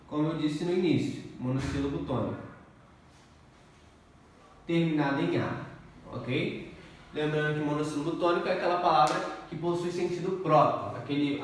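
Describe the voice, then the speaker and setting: A male teacher giving an exam-prep grammar lesson, explaining step by step and often checking in with the class. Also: fairly high pitch. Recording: echoey room, distant mic, faint noise.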